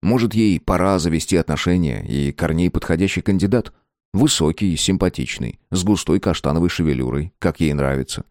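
A man narrating an audiobook in an expressive storytelling manner. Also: sits low, a little fast, no echo, studio quality.

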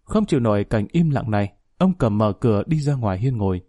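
A man narrates a story at a steady, even pace. His voice is warm and dark. The recording is close and dry. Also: lowish voice, brisk, dry recording. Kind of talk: audiobook story reading.

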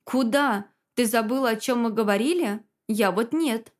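A woman's voice: a little high, normal speed, lightly acted. A woman reading the lines of a menacing, gloating male villain in an audiobook, mocking and cruel. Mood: taunting. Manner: taunting, mocking.

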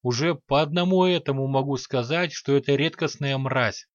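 A man's voice: mid-range voice, moderate pace, dry recording, dull audio, natural voice. A man playing a grumbling male mage. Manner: grumbling, disgruntled.

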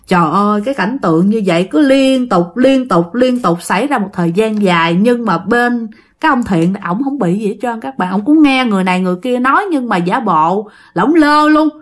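A woman with a Southern Vietnamese accent tells a ghost story in a casual, chatty way, often turning to address her listeners. Her fairly high voice rises and falls in lively, expressive swings. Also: a little fast.

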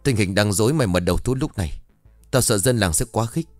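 A man voicing a young man who calmly and firmly reassures his friend. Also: fairly low pitch, quick pace, no echo, faint music behind, close to an everyday voice. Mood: calming.

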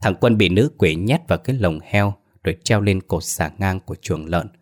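Speaking at ordinary speed, a deep-voiced man recounts a piece of folk horror. He keeps the narration steady and plain, with an earthy feel across each scene.

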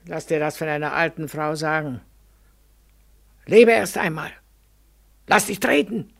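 Coarse old river spirit, dragging slow delivery, mocking, 1940s radio play. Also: female voice, gravelly, full character voice. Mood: gruff scolding. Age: older. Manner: blunt, coarse, mocking, lowers to a murmur. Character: the river as a gruff old woman. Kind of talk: 1940s radio drama acting.

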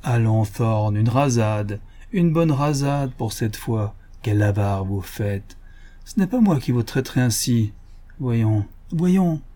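A man playing a dying old baronet, loud and imperious. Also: mid-range voice, expressive, slow. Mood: boastful. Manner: insistent and commanding, rising to angry outbursts. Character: dying, hard-drinking old baronet, demanding and irascible.

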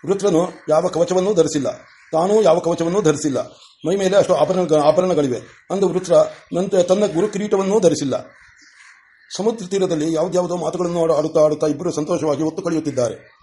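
Man, audiobook narrator, steady reading, fairly high voice. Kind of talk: scripted story narration.

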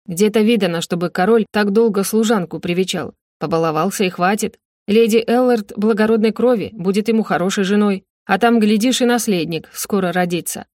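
A woman voicing a grumbling old female castle cook, gruff and dismissive. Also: medium pitch, a little fast, few pauses, darkish tone, no room sound, studio quality, close to an everyday voice.

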